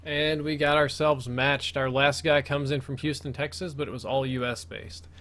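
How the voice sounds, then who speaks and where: A man's voice: medium pitch, fairly even intonation, moderate pace, fairly bright tone. An American man doing casual live commentary as the host of a gaming video, his S sounds slipping a little because he wears braces.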